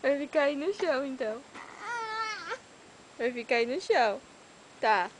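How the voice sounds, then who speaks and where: High-voiced mother coaxing her baby. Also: expressive, measured pace. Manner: coaxing, teasing singsong talk to an infant. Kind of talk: home video baby talk. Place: at home with a crying baby. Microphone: handheld home video camera. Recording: hissy 2010 home camcorder audio.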